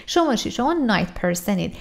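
A woman teaching English vocabulary in a casual, lively lesson vlog, explaining words quickly in one language and reading example sentences slowly. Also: mid-range voice, gravelly. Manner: lively, switches between Persian explanations and slow, drawn-out English examples. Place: home.

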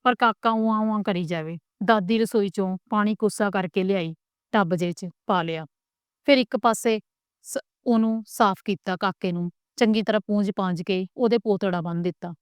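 A woman storyteller with a Punjabi accent reads a family tale at a steady pace. Her voice is smooth and resonant and recorded very dry, with no room sound. The narration stays plain and even. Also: medium pitch, normal speed, no echo. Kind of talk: storybook reading.

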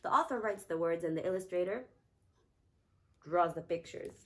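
A woman hosting a children's storytime, reading aloud and quizzing kids in a warm, teacherly tone. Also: lowish voice, normal speed. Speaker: storytime host.

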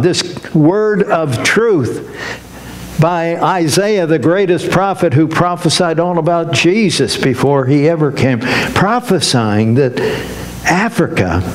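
An older man giving a sermon as guest minister, preaching slowly and emphatically with lifted, rising phrases. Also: a little high, a little hiss or hum.

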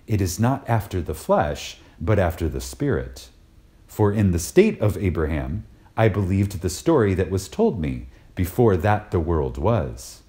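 A man whose voice sits low and dark reads a spiritual lecture in a reverent, dramatic manner. He is deliberate and emphatic, letting pauses land for effect.

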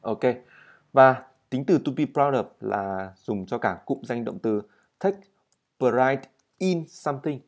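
A man's expressive, medium-pitched voice carries an English vocabulary and pronunciation lesson. Each word comes out slow and clear, and a quick explanation follows.

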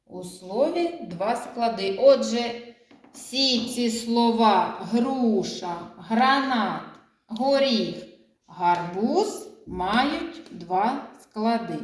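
A woman teacher walks young children through a phonics lesson. She speaks very slowly and stretches out each syllable and sound so they can follow. Her voice rings a little in an echoey room. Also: on the high side.

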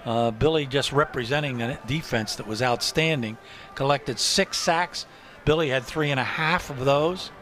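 A play-by-play announcer calls a college football postgame show from a press box booth, upbeat and promotional. His mid-range voice is a bit bright at normal speed, with a little hiss or hum. It's sports broadcast commentary with a music bed behind it.

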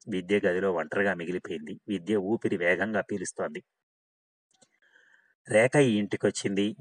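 A man with a fairly low voice narrates a novel in a steady, measured way. He reads evenly, as for an audiobook.

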